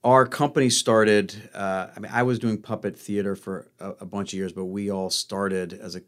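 A man's voice: fairly low pitch, normal speed. A man from New Orleans, a puppetry company director, talking casually in a podcast interview with lots of fillers and restarts. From New Orleans, USA. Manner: relaxed, rambling with many fillers.

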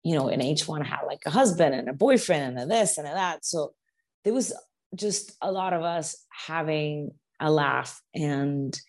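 A woman's voice: low-pitched, expressive, moderate pace, darkish tone. A middle-aged woman from the United States, talking casually as an interview guest, with many restarts and repeated words.

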